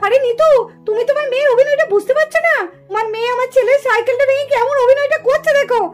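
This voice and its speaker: A woman voicing an angry, scolding village mother in a doll puppet show, talking in a shrill, accusing way. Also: racing.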